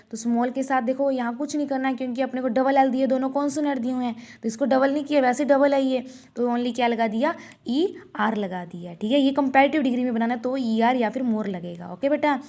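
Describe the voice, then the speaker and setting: High-voiced woman drilling a grammar lesson. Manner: repetitive question-and-answer drilling, calls students 'beta'; slow, drawn-out reading of example sentences. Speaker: school English teacher.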